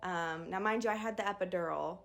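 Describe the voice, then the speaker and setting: A woman's voice: on the low side, brisk, creaky. A young woman vlogger candidly retelling a birth story in a casual storytime. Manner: candid, animated retelling with acted quotes.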